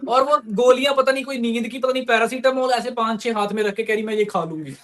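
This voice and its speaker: A man's voice: very high voice, little pitch movement, fast talker, crowd noise. Man, casual phone video chat, crude teasing storyteller.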